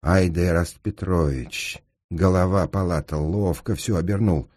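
A male reader voicing a cocky young street kid, excited and boisterous, in an audiobook. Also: deep voice, measured pace, husky. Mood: gleeful.

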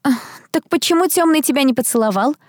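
A woman's voice: a little high, big pitch swings, racing, darkish tone, dry recording, studio quality, pitched above the performer's own voice. A woman voicing a nosy, teasing young female student in an audiobook. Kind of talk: audiobook character voice.

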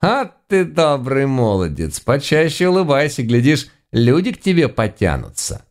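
A man voicing a feisty, sharp-tongued old witch woman in a folksy scolding way. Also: mid-range voice, big pitch swings, normal speed, voice pushed up. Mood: mocking.

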